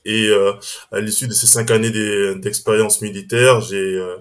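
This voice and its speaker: A man's voice: fairly low pitch, flat delivery, normal speed. Hesitant man, podcast guest. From Strasbourg, France. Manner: hesitant, restarts phrases, says "on va dire" often. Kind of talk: casual interview chat.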